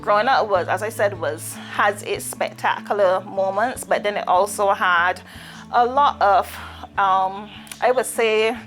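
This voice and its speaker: A Barbadian woman recounts her life story in a mid-pitched voice. She talks in a slow, reflective way, pausing often and using fillers. Soft music plays faintly behind her. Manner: reflective, unhurried, with pauses and fillers. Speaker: guest.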